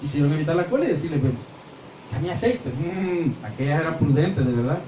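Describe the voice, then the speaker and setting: An older man preaching a sermon as pastor, animated, acting out voices and gestures as he tells the story. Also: fairly high pitch, fast. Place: church hall. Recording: echoey church sound from far off with faint noise.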